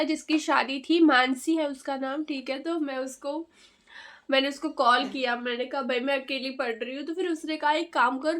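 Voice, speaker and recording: A woman's voice: sits high, a bit bright. A young woman telling casual storytime stories in a chatty vlog, feeling weak and feverish. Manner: chatty, exclaiming, frequent fillers and repeats. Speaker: vlogger.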